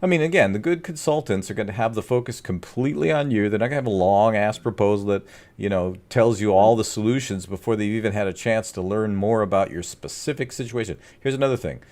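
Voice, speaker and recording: A man with a lowish voice co-hosts a business podcast in an easy conversational way. He gets animated and now and then drops into playful put-on to make a point. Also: fast. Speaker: podcast co-host, agency owner. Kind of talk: casual podcast chat.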